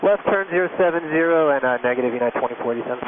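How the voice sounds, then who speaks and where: A man speaking as an airline pilot over a cockpit headset radio, reading back instructions to controllers in a clipped, calm, businesslike way. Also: mid-range voice, racing. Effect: cockpit headset radio transmission. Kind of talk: radio readbacks to air traffic control. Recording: tinny radio channel with clear static.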